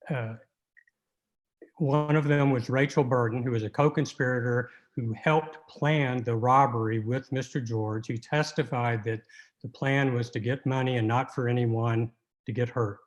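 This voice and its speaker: A man giving an oral argument in court as an appellate lawyer, halting and argumentative, often repeating words. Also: medium pitch.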